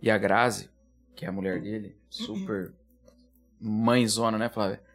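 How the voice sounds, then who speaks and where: A man's voice: lowish voice, fairly even intonation, moderate pace, faint music behind. A man chiming into a shared story in a casual, slangy way, often interjecting.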